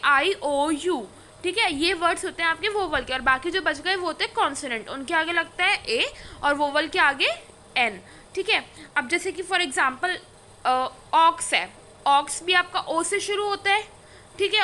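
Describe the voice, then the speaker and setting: A woman's voice: very high voice, sharp tone, slight background noise. A woman teacher explaining a grammar lesson, asking questions and answering them herself. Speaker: English teacher.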